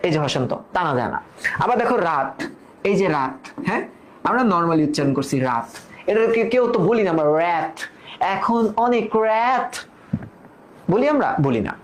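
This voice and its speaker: Woman tutor joking thru a pronunciation lesson, asks students stuff, drags words out slow. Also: sits low, sing-song. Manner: joking, drawn-out example words; teasing rhetorical questions to students.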